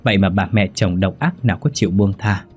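A male storyteller reads in a low, husky voice with a steady, measured delivery. Soft music plays faintly beneath the narration.

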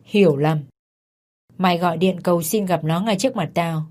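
A man's voice: sits high, normal speed, a little mellow, lightly acted. A woman voicing a jealous young husband who berates his wife with contempt and accusations. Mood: furious.

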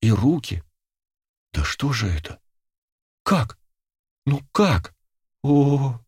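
A male audiobook reader voicing a frightened, confused young woman in shrill, panicky outbursts. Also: wildly swooping pitch, measured pace, darkish tone, slightly rough, no echo, clean studio sound, exaggerated voice. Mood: bewildered. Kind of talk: audiobook character voice.

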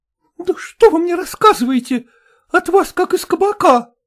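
A shrill, domineering woman who nags everyone around her, pitched well above the reader's own voice and pushed loud, as a woman reads her in a storybook. Every line comes out indignant and commanding. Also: very animated, normal speed. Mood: indignant scolding. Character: shrill, bossy, quarrelsome woman of the house.

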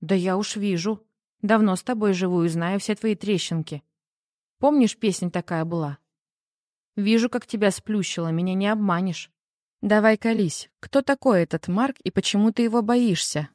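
A woman's voice: mid-range voice, moderate pace, darkish tone, no echo, clean studio sound, lightly acted. A woman reading the part of a worried, teasing wife who keeps pressing with questions in an audiobook. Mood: prying. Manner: pushy, needling questions.

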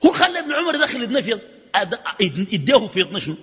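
A man's voice: high voice, very animated, very fast, a bit bright. A man with a Sudanese Arabic accent giving a religious lecture, arguing his point with rhetorical questions, recorded in a reverberant hall on dull lo-fi sound. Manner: argumentative, fires rhetorical questions. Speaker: preacher.

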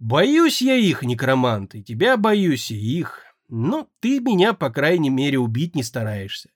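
Man voicing a shrill frightened young mage. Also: sing-song, measured pace, no room sound, studio quality, exaggerated voice. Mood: fearful pleading. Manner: pleading, shrill and anxious. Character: young male air mage, frightened and tearful.

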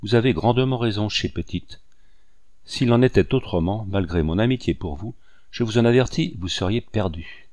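A man's voice: on the low side, moderate pace, dry recording, close to an everyday voice. A man doing a curt scheming older woman. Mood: warning. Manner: curt, sharp, hushed.

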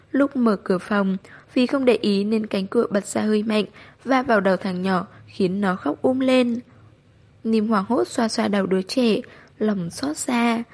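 A woman storyteller giving an audiobook narration of a novel in a steady, expressive reading. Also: mid-range voice.

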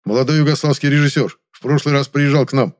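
A man voicing a nervous, fussy male official in an audiobook, talking in a hurried, anxious way. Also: medium pitch, pitched above the performer's own voice, close to an everyday voice. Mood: eager.

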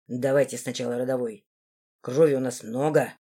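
A woman's voice: a bass voice, normal speed, a little mellow, husky, voice pushed down, full character voice. A woman voicing a cruel, hot-tempered young male lord who growls menacing threats.

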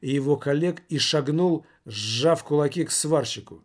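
A man reading a novel aloud in measured scripted narration. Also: a little high. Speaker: audiobook narrator.

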